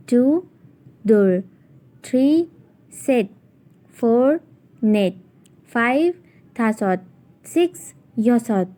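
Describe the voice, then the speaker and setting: A woman's voice: fairly high pitch, a little mellow. A young woman teaching a language lesson online, spelling words out carefully and switching into English phrases now and then.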